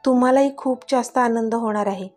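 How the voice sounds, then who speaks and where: A woman's voice: on the high side, brisk, faint music behind, natural voice. Woman voicing an eager young wife, affectionate. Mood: tender. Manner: affectionate, excited.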